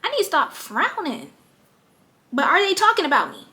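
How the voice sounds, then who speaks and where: In a very high, very animated voice that sounds pushed and bright, a young female lifestyle vlogger runs through her daily makeup at her vanity. She keeps a normal speed and a playful, joking tone in this chatty tutorial.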